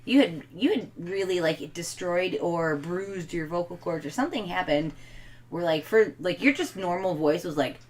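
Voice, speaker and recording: A woman's voice: fairly low pitch, lively intonation, normal speed. A woman co-hosting a casual home podcast, talking freely with lots of "like" and fillers. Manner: chatty, filler-heavy, lots of "like". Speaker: podcast co-host. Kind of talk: casual chat.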